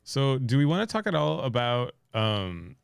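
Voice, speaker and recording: An upbeat man co-hosting a podcast, chatty and quick to laugh. His mid-pitched voice has a gravelly fry to it. The mic is close and dry. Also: sing-song, no echo. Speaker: podcast co-host. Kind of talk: casual chat.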